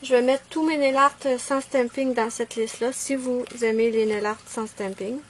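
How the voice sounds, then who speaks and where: A woman chatting casually at home through a nail art tutorial, self-mocking and quick to apologize. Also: fairly high pitch, fairly even intonation, a little hiss or hum.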